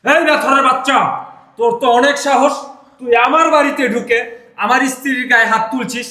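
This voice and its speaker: A man acting an indignant man in a short film who claims to be the husband, making loud declamatory threats. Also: extremely high pitch, fairly even intonation, a little fast. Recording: echoey room.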